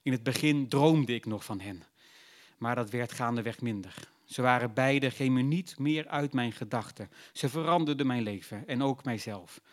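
A man narrating a literary novel in a measured, reflective storytelling voice. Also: mid-range voice.

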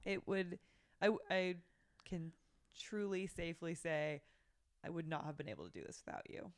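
A woman hosting a podcast in a casual chat, relaxed and affectionate, laughing often. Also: fairly low pitch, normal speed, clean tone, no echo, studio quality. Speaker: podcast host.

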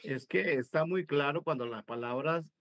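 A middle-aged man pastor with a Costa Rican accent, preaching deliberately and searching for words. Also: on the high side, dry recording. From Costa Rica. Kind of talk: home Bible teaching sermon. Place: home.

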